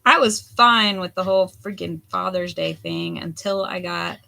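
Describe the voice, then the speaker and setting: A hoarse woman in her forties, a potter chatting candidly while she throws clay at the wheel. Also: fairly low pitch, moderate pace, sharp tone. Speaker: potter streaming a throwing session. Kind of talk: casual chat while working. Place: pottery studio with lo-fi music on.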